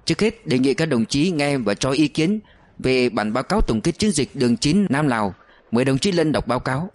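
A man's voice: mid-range voice, expressive, fairly quick, lightly acted. A man doing a formal army commissar. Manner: formal, businesslike.

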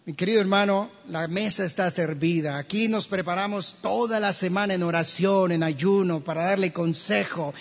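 A man's voice: high-pitched, normal speed, hardly any pauses. A Colombian man preaching a sermon as pastor, acting out quotes and asking the congregation questions, recorded in a church. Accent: Colombian Spanish. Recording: dull, hall-reverberant church recording.

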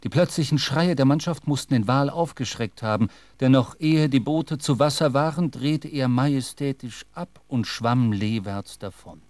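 Man reading the narration for a radio play, calm literary delivery, dry close sound. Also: mid-range voice, no room sound. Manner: measured, literary storytelling. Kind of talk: scripted narration of a radio drama.

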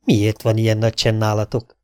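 A man voicing a gruff, impatient middle-aged sheriff in an audiobook. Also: lowish voice, monotone, dark tone, no echo, clean studio sound, natural voice. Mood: urgent. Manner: grumbling, impatient. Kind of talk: audiobook dialogue.

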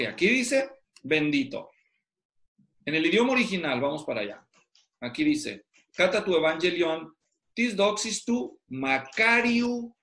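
A man teaches pastors over a video call, his voice high for a man. He keeps firing questions at his students to pull answers out of them. The room around him sounds roomy and echoey. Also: a bit bright. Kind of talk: interactive online class. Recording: roomy echo.

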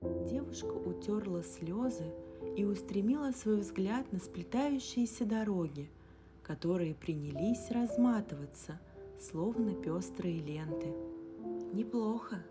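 A woman calmly narrating a fantasy story in a measured way. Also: medium pitch. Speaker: audiobook narrator. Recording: guitar music underneath. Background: guitar music.

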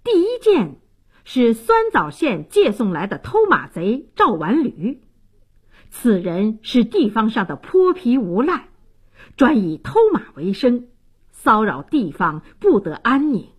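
A woman narrating a classic tale in an expressive storyteller's style for a radio broadcast. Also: on the high side, takes it slowly, slightly rough. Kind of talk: slow, lively storytelling narration.

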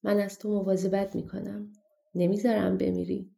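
A woman's voice: medium pitch, little pitch movement, gravelly, warm tone. A woman voicing a kind, frightened young farm girl with a pleading, tearful manner, in a storybook reading. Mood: tender.

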